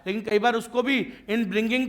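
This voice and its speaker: Very high-voiced man teaching a class. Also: steady tone, moderate pace, fairly bright tone. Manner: checks often that students follow; joking and teasing with students. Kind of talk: classroom lecture.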